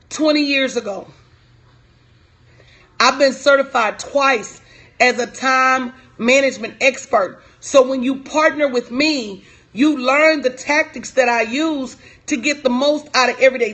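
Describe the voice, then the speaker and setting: A woman's voice: high-pitched, fairly bright tone. A woman in her forties, a business coach, talking casually and emphatically on a live stream while answering viewers' comments. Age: 40s. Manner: emphatic, repetitive, casual and direct.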